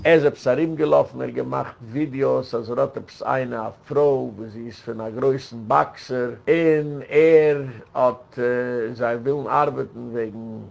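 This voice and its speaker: A man's voice: medium pitch, fairly even intonation, measured pace, creaky, darkish tone, highs cut off. A man, a rabbi, giving a rambling lecture full of anecdotes and quoted Talmud passages, drifting between languages. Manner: digressive storyteller, switches between languages.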